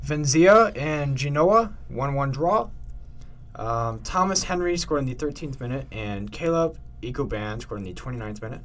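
A man's voice: medium pitch, expressive, normal speed, fairly bright tone. Male co-host, mid-range voice, casual and upbeat, reads scores with asides. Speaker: podcast co-host. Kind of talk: casual sports chat.

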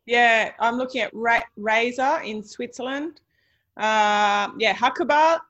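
A woman's voice: on the high side, slow pace, fairly bright tone, muffled recording. A woman in casual chat, talking in a chatty way and reading from a list.

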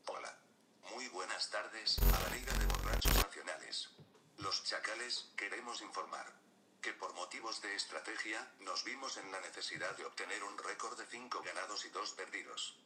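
A gloating, mock-sinister team spokesman, put on by a man, speaks through a voice changer with a dying battery. His voice sits fairly low, and he delivers a stiff formal announcement peppered with crude insults. The recording carries a clear layer of noise. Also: moderate pace.

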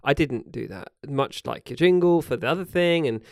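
A New Zealand-accented podcast co-host chats loosely at home, often correcting himself mid-sentence and trailing off in a relaxed, rambling way. His smooth, resonant, slightly high voice moves at normal speed. It's recorded close and dry on a podcast mic with no room sound.

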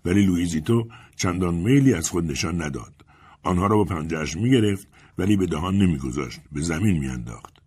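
A man narrating an audiobook in a calm, measured storytelling manner. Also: deep voice, husky. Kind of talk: scripted narration.

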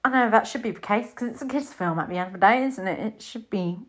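A British woman in her thirties chatting casually about films, rambling and breaking into high-pitched mimicked reactions. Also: fast. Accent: British English. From Britain. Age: 30s. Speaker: film reviewer. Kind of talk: casual chat.

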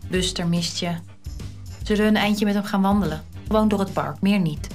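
A woman's voice: mid-range voice, a little fast, a little mellow, soft background music, close to an everyday voice. An actress playing a cheerful, supportive young woman who coaxes and encourages her friend in an audio drama. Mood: coaxing. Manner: coaxing, encouraging.

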